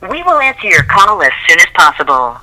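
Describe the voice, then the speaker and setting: A recorded phone hold message, read smoothly and evenly in a scripted way over the line. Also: mid-range voice, huge pitch swings, a little fast, pushed and bright, slight background noise, poor audio. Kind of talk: automated hold announcement.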